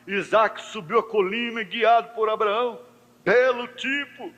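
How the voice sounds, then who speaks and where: A Brazilian Portuguese-accented male pastor preaching at an unhurried pace. His voice sits high and keeps sweeping between hushed low lines and fervent cries. It rings out through an echoey church hall. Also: dull audio. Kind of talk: sermon.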